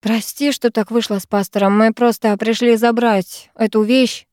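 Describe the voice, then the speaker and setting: Brief: woman narrator doing an obsessive young man, dark-toned, dry and close. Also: fairly high pitch, level tone, moderate pace, no room sound, pitched above the performer's own voice, natural voice. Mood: intense.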